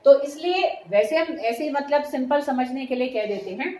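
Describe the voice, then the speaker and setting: Woman chemistry teacher, high voice, echoey classroom, keeps checking the class follows. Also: normal speed, darkish tone. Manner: checks understanding often, calls students "beta". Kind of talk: classroom lecture mixing Hindi and English terms. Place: classroom with students answering. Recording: echoey room with faint noise.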